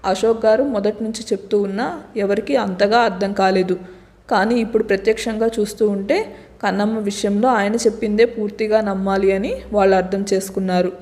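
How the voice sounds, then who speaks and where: A woman storyteller narrating a serialized love story in a lively, expressive way. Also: mid-range voice, brisk, long reverb tail.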